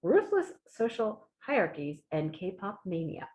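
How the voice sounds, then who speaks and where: A woman on library staff, reading book blurbs aloud with lively emphasis and chatting casually about new novels. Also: medium pitch, measured pace, rough recording. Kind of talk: casual book recommendation chat.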